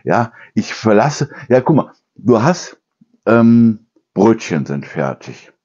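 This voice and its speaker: A man with a low, mellow voice chats casually in his kitchen, his pitch swinging widely as he rambles. He often corrects himself mid-sentence and breaks into imitated noises. The sound is dull and lo-fi. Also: sing-song, slow pace, slightly rough. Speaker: channel host.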